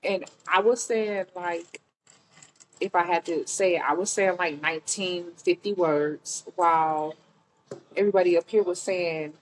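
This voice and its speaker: A woman's voice: fairly low pitch, unhurried, a little hiss or hum, poor audio. A woman from Mississippi with a Southern accent, a guest chatting casually on a podcast and laughing often. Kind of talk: casual chat.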